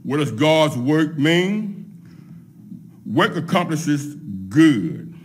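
A middle-aged man preaching a sermon from a pulpit, laying out his points one by one in a measured way. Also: on the high side, sing-song, slight background noise. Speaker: pastor. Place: church sanctuary at a pulpit, empty pews behind. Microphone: microphone on a pulpit stand.

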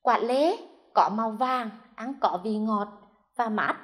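A woman primary school teacher from central Vietnam giving a televised first-grade lesson, pronouncing sounds clearly and slowly for young children. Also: fairly high pitch. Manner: slow, clear, drawn-out enunciation for young children.

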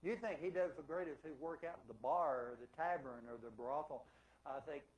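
High-voiced preaching man. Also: brisk, muffled recording. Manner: emphatic preaching with rhetorical questions. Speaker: pastor. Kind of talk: sermon. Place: church sanctuary.

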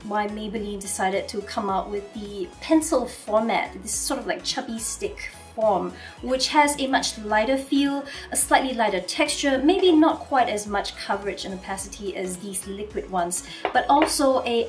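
Hoarse, nasal woman reviewing lipsticks. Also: medium pitch, normal speed, hardly any pauses, far from the mic, soft background music. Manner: chatty, with frequent uh fillers. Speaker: beauty reviewer. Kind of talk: casual product review to camera. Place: Singapore.

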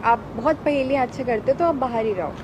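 A woman giving sharp, sarcastic retorts in a scripted comedy skit, standing by a car outdoors. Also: fairly high pitch, fast, background noise.

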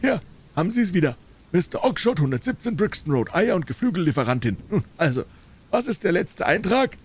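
A man voicing an angry, gruff male poultry dealer in a storybook reading, shouting in a strained, raised voice. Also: sits high, sing-song, voice pushed up, heavily acted. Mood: scornful. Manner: shouting, bellowing, fast.

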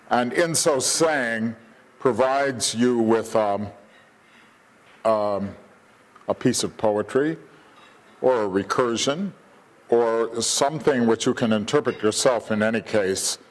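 Older guy giving a conference keynote at a podium mic, lots of ums, thinking out loud. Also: mid-range voice. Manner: thoughtful, many ums and uhs. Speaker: keynote speaker. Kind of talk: academic lecture. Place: hotel conference hall.

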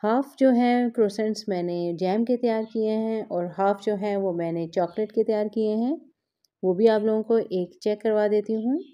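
The sound is lo-fi, carrying a warm, medium-pitched woman's voice at a moderate pace. She hosts a cooking vlog and patiently explains each step of a recipe while working with her hands at a home kitchen counter.

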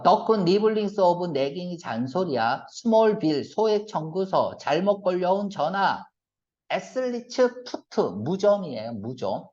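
A male English reading teacher giving a brisk exam-prep lecture, firing quick rhetorical check-questions at his students and switching between polite and blunt casual speech. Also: high-pitched, a little mellow. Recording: lo-fi lecture recording.

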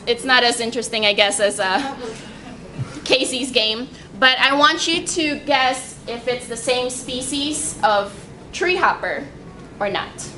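A young woman researcher giving a casual public science talk, with lots of fillers and restarts. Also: fairly high pitch. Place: library meeting room. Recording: echoey room with background noise.

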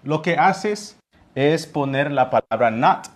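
Man, English teacher, unhurried, patient, repeats each example. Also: a little high, animated. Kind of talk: beginner English lesson explained in Spanish.

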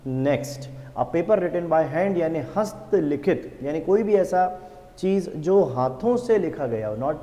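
A man teaching an exam-prep vocabulary lesson. He reads English definitions out slowly and repeats each answer back as a question. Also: on the high side, lively intonation, mellow, long reverb tail. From India.

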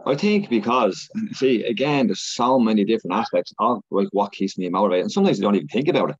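An Irish man, a podcast guest, talking fast and animated in a casual interview chat. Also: lowish voice, breathy edge, lo-fi sound. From Ireland.

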